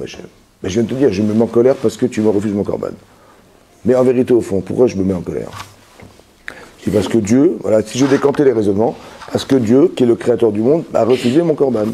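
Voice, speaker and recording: A man's voice: medium pitch, mellow, husky. A man, a rabbi, giving a Torah lesson that explains with everyday examples, with many restarts and repeated words, often checking that his listeners follow.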